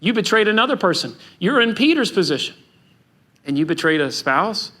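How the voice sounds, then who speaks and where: A man preaching a sermon as pastor, animated and acting out the voices of biblical figures. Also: high voice, normal speed.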